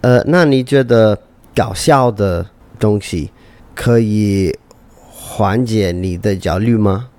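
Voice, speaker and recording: Slow-talking man, foreigner speaking halting Mandarin. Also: fairly low pitch, a little mellow. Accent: foreign-accented Mandarin. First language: English. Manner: slow, halting, lazy drawl in non-native Mandarin. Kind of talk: casual chat.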